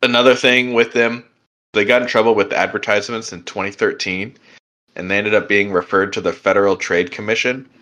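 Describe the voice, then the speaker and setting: Bright-voiced young man rambling casually. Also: lowish voice, steady tone, a little fast. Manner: rambling, filler-heavy, laughs easily. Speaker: podcast co-host. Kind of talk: casual chat.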